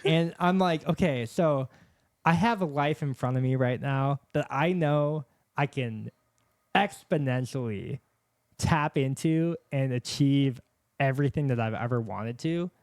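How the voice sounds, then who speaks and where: A man's voice: medium pitch, measured pace, darkish tone, no echo. Man with a lisp, dry close sound. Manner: rambling, earnest, heavy on fillers. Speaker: podcast host. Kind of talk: casual podcast chat. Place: podcast set with camera and microphones. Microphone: studio microphone.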